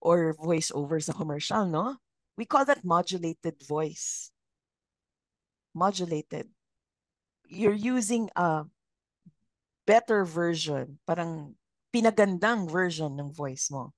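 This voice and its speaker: A middle-aged woman with a Filipino accent leading a communication training session, speaking in a measured, modulated trainer voice and putting questions to her learners. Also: lowish voice, expressive, no room sound. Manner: interactive, asks learners questions. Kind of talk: live training session, mixing English and Filipino.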